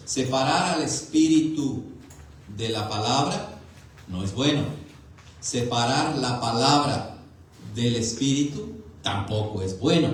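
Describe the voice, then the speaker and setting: A man preaching a sermon as pastor, teaching the catechism in a slow, deliberate way with emphatic rises. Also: medium pitch, a little hiss or hum. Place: church sanctuary. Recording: very echoey church hall.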